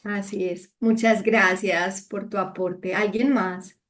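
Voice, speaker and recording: Calm woman wrapping up a talk. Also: medium pitch, slow. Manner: calm, instructive, addresses the audience. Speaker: workshop speaker. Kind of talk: closing a communication talk.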